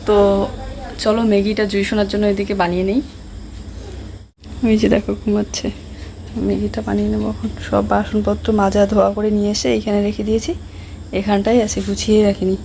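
A young woman narrating a casual home vlog, speaking softly and chatting as she explains her chores. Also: medium pitch, flat delivery, brisk, gravelly, long pauses, a little hiss or hum. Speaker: village vlogger and mother.

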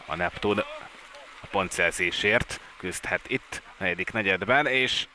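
Male sports commentator, excitable live match delivery, fairly low voice with a forceful, bright edge. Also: a little hiss or hum. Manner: excited, voice rising at key plays.

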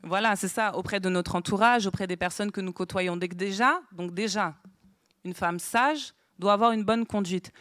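A Bible teacher leads an interactive lesson for a small group in a meeting room, asking questions and writing on a board as she goes. Her voice is medium-pitched and a bit bright, at a moderate pace. The studio-quality recording has no echo.

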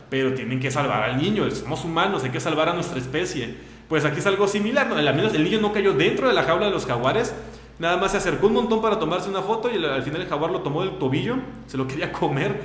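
A man's voice: fairly high pitch, reverberant. A man hosting a radio show in a casual, joking way, with a Mexican Spanish accent and chatty asides. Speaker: radio host. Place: radio studio.

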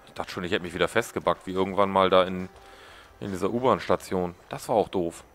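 A man's voice: low-pitched, steady tone, fast, fairly bright tone. A man giving casual gameplay commentary as a let's play host, joking and mocking the characters on screen.

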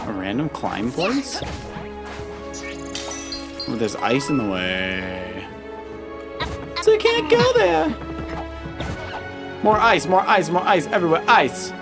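Playing a video game alongside his child, a father co-hosts the let's play with casual, playful remarks and the odd sing-song aside. His medium-pitched voice swings hugely in pitch, moves slowly, and pauses often. Game music runs in the background.

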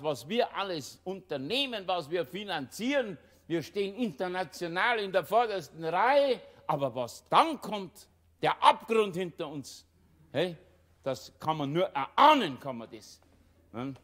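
A man's voice: fairly high pitch, fairly bright tone. An older man with a Bavarian accent doing a satirical stage monologue, rambling and breaking himself off, tagging nearly every line with a little question. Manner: rambling, self-interrupting, tags lines with "ne?" and "gell?". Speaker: cabaret performer. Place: live stage before an audience.

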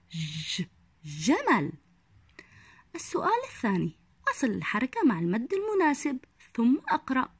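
A young woman teaches a phonics lesson to small children, stretching each sound out slowly and whispering her praise. Her voice sits fairly high. The recording is dry and close, with no room echo. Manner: drawn-out syllables, soft whispered praise. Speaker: primary school teacher.

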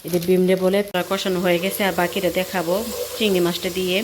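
A Bangladeshi woman vlogging casually as she cooks at home, explaining each step in a chatty way, her voice hoarse from a cold. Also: lowish voice, monotone, fast talker, noisy background. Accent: Bangladeshi Bengali. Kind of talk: casual cooking vlog. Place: home kitchen.

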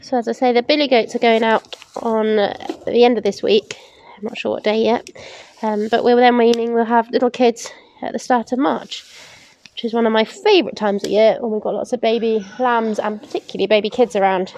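A woman's voice: a little high, steady tone, a little fast, a little mellow, slight background noise. A young woman in her twenties, a livestock keeper from England, casually explaining goat hoof trimming as she works, with plenty of ums, recorded outdoors and in a large farm barn. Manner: practical, explains while working, frequent "um".

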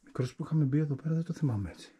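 Man, from Greece, curious, exploring a cave, warm dark tone, handheld camera, faint noise. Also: fairly high pitch, expressive. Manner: curious, keeps pointing things out. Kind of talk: casual chat while exploring. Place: inside a rocky cave.

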